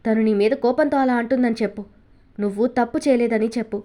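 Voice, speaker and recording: A woman's voice: on the high side, a little fast, mellow, lightly acted. A woman voicing a kind but stern older man at the head of the family, in a storybook reading. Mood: pleading disbelief. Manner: pleading, bewildered.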